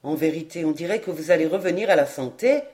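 A woman's voice: low voice, fast talker, voice pushed down, close to an everyday voice. A woman voicing an earnest young son. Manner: steady and earnest.

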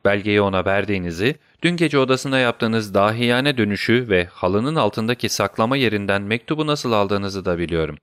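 A man's voice: on the low side, lively intonation, moderate pace, few pauses, a bit bright, smooth, no echo, studio quality. A man voicing a brilliant male detective in an audiobook reading, speaking firmly and with command. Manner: firm, commanding.

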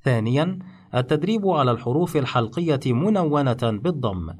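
Man giving a measured spoken lesson. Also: mid-range voice, animated, breathy edge. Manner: measured, explains rules step by step. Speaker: teacher. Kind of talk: instructional narration.

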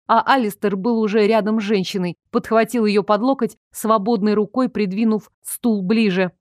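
A woman reading a first-person audiobook in a lively, ironic, expressive way. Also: mid-range voice, no echo, clean studio sound. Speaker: audiobook narrator.

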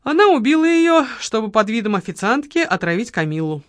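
A woman reading an audiobook, voicing a calm man asking puzzled questions. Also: fairly high pitch, brisk, no room sound, clean studio sound. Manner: bewildered questioning.

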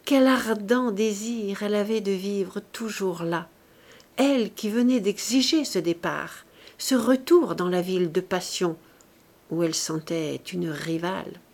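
A woman reads a classic novel aloud in a measured, expressive way. She takes her time and lets each phrase settle. Her mid-range voice rises and falls with the emotion of the story. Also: medium pitch. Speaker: audiobook narrator. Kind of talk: literary audiobook reading.

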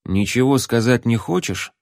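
A man's voice: medium pitch, expressive, moderate pace, a little mellow, no room sound, clean studio sound, natural voice. A man voicing a composed, patient male ranger who speaks reasonably. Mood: calm. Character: calm, patient male ranger, quietly amused.

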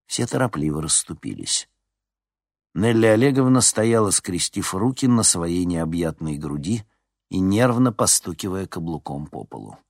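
A male audiobook narrator with a low, husky voice, reading with lively, wide-ranging pitch. The recording is close and dry, with no room sound. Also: moderate pace, dry recording. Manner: expressive reading. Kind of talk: scripted narration.

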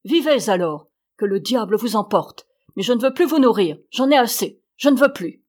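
A woman's voice: fairly high pitch, normal speed, natural voice. A woman voicing a scornful miserly old man. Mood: furious. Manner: loud, scornful shouting. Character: grumpy miserly old man scolding his animals. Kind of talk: audiobook character voice.

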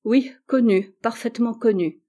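A courteous middle-aged count with a formal, measured manner, as a woman reader voices him. His voice lifts a little higher and louder than the narration, staying mellow and warm in tone. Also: natural voice.

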